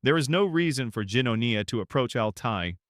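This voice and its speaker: A man's voice: mid-range voice, animated, brisk, a bit bright, dry recording, studio quality, voice pushed up, natural voice. A man voicing a cold, curt young count.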